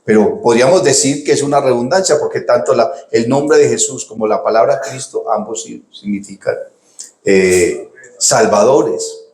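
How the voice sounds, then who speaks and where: Man, Colombian accent, pastor, conversational sermon, middle pitch, echoey room sound. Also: moderate pace. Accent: Colombian Spanish. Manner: voice jumps high and loud when acting out quoted cries.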